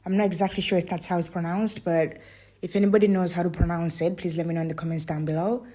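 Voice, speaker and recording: A woman's voice: on the low side, level tone, quick pace, a little mellow. A woman casually narrating her travel vlog in a chatty, candid way, admitting when she is unsure how to say a name. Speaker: travel vlogger.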